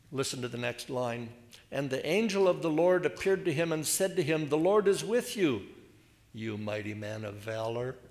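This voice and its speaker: Older male preacher, slow and chatty, fairly high voice, dry humor. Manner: conversational and wry, with self-deprecating asides. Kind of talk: sermon with scripture reading. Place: church.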